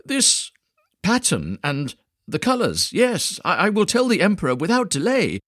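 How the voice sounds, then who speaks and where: Man reader as jittery old wise man: high, stammering, husky. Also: huge pitch swings, a little slow, fairly bright tone, no echo, clean studio sound, full character voice. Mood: anxious. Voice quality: wavering, stammering. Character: flustered old male royal wise man.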